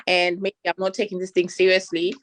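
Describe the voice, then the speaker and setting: A woman, a podcast co-host, talking candidly and a little haltingly in a casual chat. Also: on the low side, completely flat delivery.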